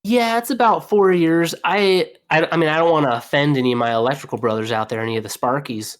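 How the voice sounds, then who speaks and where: A young man, a plumber guest, telling stories in a casual, animated way with lots of fillers. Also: on the high side, fast. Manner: animated, laughing storyteller with fillers. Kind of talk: casual storytelling.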